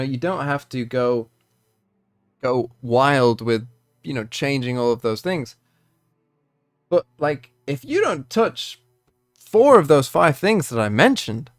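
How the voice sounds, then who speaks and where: A man delivering an unscripted commentary rant, exasperated and incredulous, moving between measured explanation and worked-up emphasis. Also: medium pitch, no echo, clean studio sound. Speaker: video creator ranting about card game balance.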